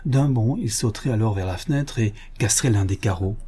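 In a voice on the low side and slightly rough, a man narrates an audiobook from a script, telling the story in a steady, measured manner.

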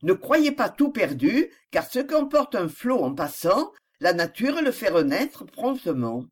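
The reader voicing a reserved grown man who hides deep passion, speaking in a measured, grave way. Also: big pitch swings. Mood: restrained. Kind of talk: audiobook character reading.

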